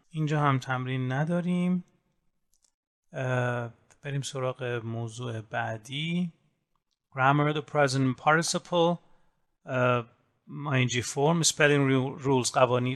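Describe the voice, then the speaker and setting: A man teaching an English grammar lesson, explaining rules step by step and saying English example words slowly. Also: mid-range voice, fairly bright tone. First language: Persian. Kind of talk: recorded grammar lesson in Persian.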